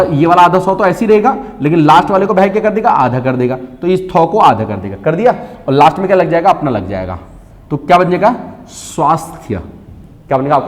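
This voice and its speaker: A man teaching a Hindi spelling lesson, constantly asking questions and answering them himself, drawing out key words slowly. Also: fairly high pitch, darkish tone. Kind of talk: classroom-style online lesson. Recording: long reverb.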